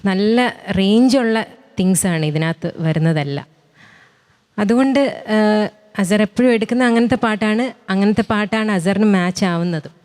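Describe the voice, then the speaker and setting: A woman speaks as a talent show judge in a measured, halting way with small fillers. Her pitch is mid-range. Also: a little mellow.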